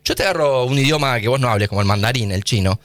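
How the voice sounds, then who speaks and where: A man's voice: medium pitch, rapid-fire, a bit bright, dry recording. A man with an Argentine accent, a guest scientist in a radio studio interview, explaining eagerly and using casual slang. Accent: Argentine Spanish.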